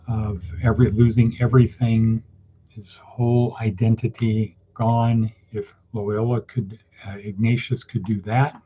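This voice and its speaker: A man teaching an informal daily class, who often repeats words and asks rhetorical questions. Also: lowish voice. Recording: dull lo-fi with faint noise.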